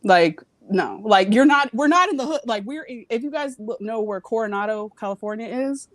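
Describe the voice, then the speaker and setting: A young woman's voice, a little high and expressive, moves at normal speed in a dry recording. Phoning in from home as a guest on a casual chat show, this Virginian with Jamaican family rambles and speaks frankly, with free swearing and lots of fillers.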